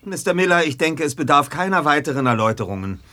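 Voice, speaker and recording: Casting: actor as a formal, confident male sleuth for audio drama, higher male voice, faint noise. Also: sing-song, sharp tone. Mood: confident, probing. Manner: formal, deliberate. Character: formal, self-assured male investigator unmasking someone. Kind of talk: German audio drama acting.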